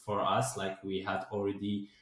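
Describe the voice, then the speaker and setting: Fairly low-pitched, monotone and a bit bright, a twenty-something guest from Morocco speaks at normal speed, using lots of "like" and "uh" as he answers interview questions. He's a DevOps engineer and founder, and the room is very echoey.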